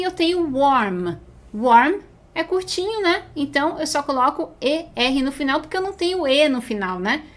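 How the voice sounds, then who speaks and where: High-voiced woman teaching English grammar. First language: Portuguese. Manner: explains patiently, drawls English example words slowly. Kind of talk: beginner grammar lesson.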